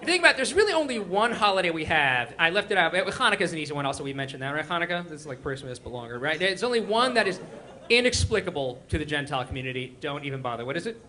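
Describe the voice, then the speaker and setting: Fast, lively stand-up comedian on stage. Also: male voice, a little high. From Israel. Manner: quick, animated crowd work with mock voices. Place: live comedy stage before an audience. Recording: live room with faint crowd noise.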